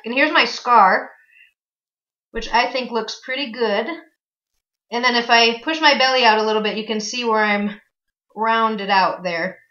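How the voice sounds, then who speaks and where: A woman's voice: a little high, pushed and bright, highs cut off. A pregnant young woman chatting to camera in a casual home vlog, upbeat, with plenty of fillers. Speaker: vlogger.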